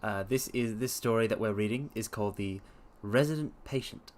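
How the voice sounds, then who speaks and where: Speaking at a moderate pace in a fairly low voice, a livestream host and story reader alternates between chatting and dramatic reading. He reads theatrically, using formal, old-fashioned phrasing.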